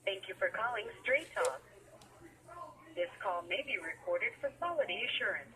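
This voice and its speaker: A woman's voice: medium pitch, very animated, moderate pace, rough recording. A woman's voice in a recorded phone message, giving a scripted menu greeting over a speakerphone. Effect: recorded phone message played over a speakerphone. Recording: speakerphone with background chatter.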